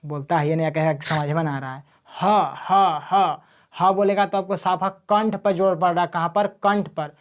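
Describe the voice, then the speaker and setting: A man's voice: sits high, fairly even intonation, brisk, few pauses. A man teaching a grammar lesson, repeating sounds and answering his own questions in drills. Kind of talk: classroom grammar lesson with call-and-response drills.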